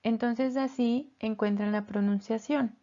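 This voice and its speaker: A woman teaching English pronunciation in a slow, careful lesson, repeating each word. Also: fairly high pitch, steady tone, mellow, muffled recording.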